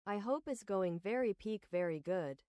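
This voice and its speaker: A woman's voice: medium pitch, expressive, normal speed, mellow, clear, resonant tone, no room sound. A woman hosting a livestream, chatting casually and greeting viewers in short remarks. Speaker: livestream host.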